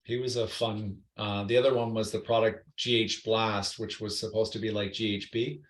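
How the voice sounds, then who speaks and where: A man guest in a podcast interview, telling lively anecdotes full of quoted voices. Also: lowish voice, moderate pace. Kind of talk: storytelling interview chat. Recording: roomy echo.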